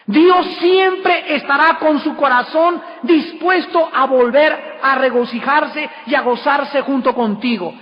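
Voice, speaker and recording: A man preaching a sermon, emphatic, with sudden rises and slow drawn-out words. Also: very high voice. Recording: dull lo-fi recording with long hall reverb.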